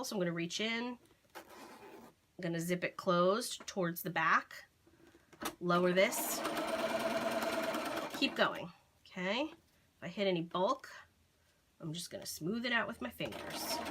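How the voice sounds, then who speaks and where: With a bright, forceful, medium-pitched voice, this crafting host walks viewers through a casual sewing project, checking in with "okay?" along the way. She thinks out loud as she sews, using fillers and correcting herself.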